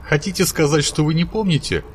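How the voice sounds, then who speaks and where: A man doing a higher, fussy archangel. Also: fairly quick, a little hiss or hum, natural voice. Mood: dutiful. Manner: polite, dutiful, calls his master sir. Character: fussy, deferential male archangel servant.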